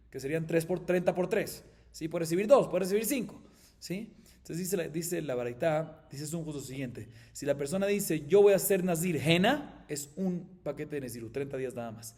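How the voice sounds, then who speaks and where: A man's voice: a little high, lively intonation, moderate pace, a little mellow. A middle-aged man, a rabbi, teaching a Talmud class, explaining each step and checking in with listeners. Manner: reads Aramaic text aloud then explains it.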